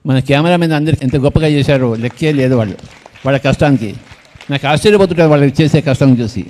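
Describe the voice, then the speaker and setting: A man's voice: mid-range voice, fast talker, a little mellow. An older man, leading a meditation gathering and speaking informally, with joking, teasing asides to people in the crowd. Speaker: meditation movement leader.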